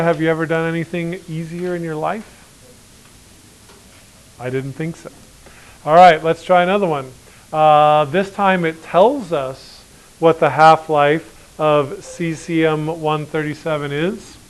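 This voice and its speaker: A man's voice: fairly high pitch, a little hiss or hum, low-quality recording. A man teaching a math class, talking casually, joking and asking students questions as he works through problems. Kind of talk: classroom lecture.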